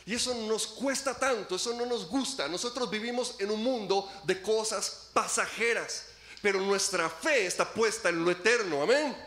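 A male pastor delivers a dramatic sermon, acting out quoted laments and swinging between ringing emphasis and hushed drops. His voice sits high and sounds bright and forceful. The room around him is echoey, like a church hall. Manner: dramatic preaching, acts out quoted laments, sweeping pitch and volume swings.

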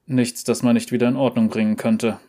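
A man voicing a loyal, dutiful veteran seneschal in a measured, solemn tone. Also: medium pitch, flat delivery, mellow, close to an everyday voice. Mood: grave.

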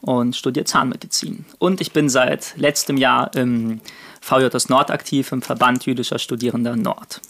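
A man's voice: medium pitch, steady tone, fairly bright tone. A young man in his twenties from Germany, a guest on a casual podcast, talking in an easygoing, joking way. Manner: easygoing, amused, quick to joke.

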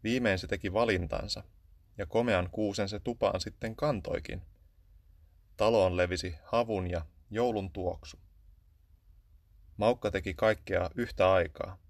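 A man narrating a children's Christmas story in a calm, even storytelling manner. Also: on the low side, long pauses, no echo.

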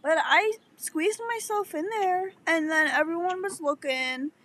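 A woman's voice: very high-pitched, animated, a little slow, a bit bright, rough recording. A young woman on a podcast, casually telling a childhood story and correcting herself as she goes. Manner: rambling, self-correcting storyteller. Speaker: podcast co-host. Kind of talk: casual chat.

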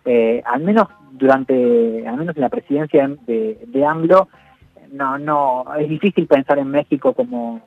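A man, giving measured political analysis in a radio interview, often pausing to rephrase. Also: medium pitch, dry recording. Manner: measured, analytical, peppers speech with "digo". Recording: dull, dry lo-fi radio line.

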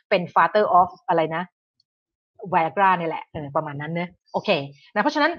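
A woman's voice: on the low side, no echo, highs cut off. A woman giving a casual online health lecture in a chatty way, sprinkling English medical terms and often restarting her sentences.

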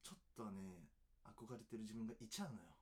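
A man's voice: lowish voice, brisk. A young man from Tokyo with a standard Tokyo accent, co-hosting a casual radio talk show. He teases and plays at being indignant. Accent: standard Tokyo Japanese. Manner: animated, teasing, mock-indignant. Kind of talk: casual chat.

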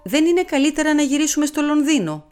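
A woman voicing an earnest, impatient English gentleman, a loyal sidekick, in an audiobook. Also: sits high, sing-song, faint music behind, pitched above the performer's own voice. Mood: urgent. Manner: urgent, impatient. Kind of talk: audiobook character reading.

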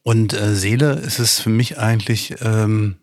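A man's voice: lowish voice, steady tone, a little slow, no room sound, clean studio sound. A man co-hosting a podcast, talking reflectively with many fillers and hesitations. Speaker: podcast co-host.

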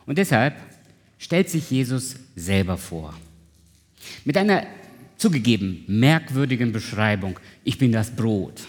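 A man's voice: medium pitch, very animated, a little slow. A man preaching a sermon to a congregation, conversational and often asking his listeners questions. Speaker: pastor. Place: church hall. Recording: reverberant church hall.

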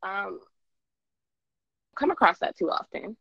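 A woman hosting a casual podcast with playful, slangy banter and frequent laughter, on a low-quality muffled call. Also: animated, takes it slowly, creaky, fairly bright tone, dry recording. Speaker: podcast host.

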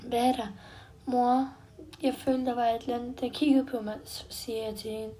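Woman storyteller, first-person kids' tale, simple sentences, mellow tone. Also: a little high, little pitch movement. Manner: simple short sentences, step-by-step telling.

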